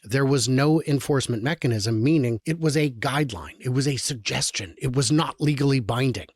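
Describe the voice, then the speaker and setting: A man's voice: medium pitch, a little fast, breathy edge, no echo. Sarcastic male commentator, dry close sound. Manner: sarcastic, exasperated commentary with frequent restarts. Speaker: show host. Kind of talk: political commentary reading and reacting to articles.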